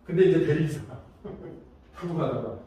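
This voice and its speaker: A man giving a safety training lecture, telling lively stories and acting out examples. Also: fairly high pitch, normal speed. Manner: lively storytelling with acted-out examples. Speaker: safety instructor. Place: large lecture room. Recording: echoey hall, mic far off.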